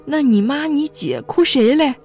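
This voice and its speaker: Audiobook figure: frail grieving grandmother, high hoarse pleading voice, put on by a woman reader. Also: a little slow, a little mellow, faint music behind. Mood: anxious. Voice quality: hoarse, wailing, insistent.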